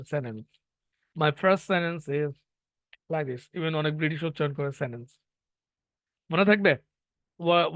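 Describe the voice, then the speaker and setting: A man's voice: fairly high pitch, fairly bright tone, no room sound. A man teaching an online language class, explaining step by step and asking his students questions. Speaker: English teacher. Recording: dull lo-fi online class audio.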